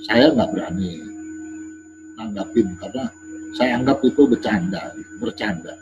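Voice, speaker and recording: A man, a guest in an interview, telling anecdotes in a casual, animated way and laughing as he goes. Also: fairly low pitch, measured pace, lo-fi sound, over music. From Indonesia.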